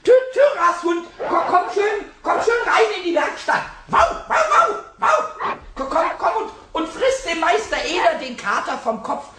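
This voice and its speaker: Squeaky, excitable little kobold, Pumuckl. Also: male voice, unhurried, few pauses, full character voice. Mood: excited, coaxing. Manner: stammering, repeating words, exclaiming and giggling. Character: cheeky, excitable little male kobold, mischievous and childish. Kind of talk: German children's radio play acting. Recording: faintly noisy old cassette transfer.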